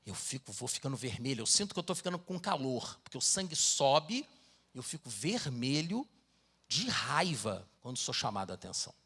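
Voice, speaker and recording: A man's voice: medium pitch, big pitch swings, normal speed, pushed and bright, husky. A middle-aged man with a Brazilian Portuguese accent, preaching a sermon as pastor, mixing personal stories with dramatic Bible reading.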